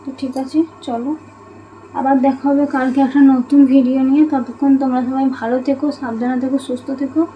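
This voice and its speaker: A chatty woman talks to her viewers in a home vlog, her voice sitting high. Faint room noise hums behind her. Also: flat delivery, fast, dark tone, low-quality recording. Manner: chatty, addresses viewers as friends. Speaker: lifestyle vlogger. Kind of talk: casual home vlog chat. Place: home at night.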